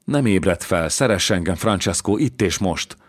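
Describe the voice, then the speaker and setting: A man's voice: low voice, animated, no room sound, studio quality. Man reading as a longing young slave girl. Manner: eager, pleading tone.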